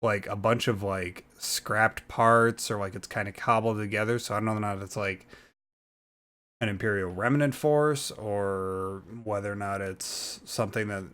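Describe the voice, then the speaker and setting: A young man with a slightly low voice talks through his reactions in a loose, rambling way. He hesitates often and fills the gaps with ums and uhs. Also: unhurried, fairly bright tone. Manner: rambling, hesitant, many fillers. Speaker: YouTuber reacting to a trailer. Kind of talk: casual reaction commentary.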